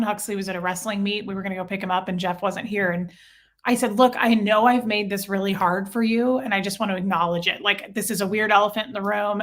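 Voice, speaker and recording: A woman with a mid-range, slightly bright voice appears as an interview guest. She tells personal stories in a casual, earnest way and often acts out both sides of a conversation.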